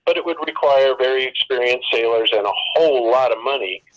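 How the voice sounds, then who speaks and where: A man on a phone call explaining his point in a measured way, with many ums. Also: medium pitch, fairly bright tone. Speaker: phone guest. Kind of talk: debate over the phone.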